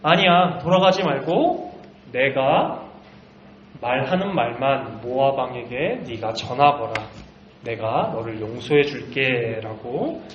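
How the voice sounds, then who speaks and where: A man voicing a stern angel who commands a prophet slowly and firmly, in a children's Bible story. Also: fairly high pitch, animated, slight background noise. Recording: roomy, slightly muffled recording.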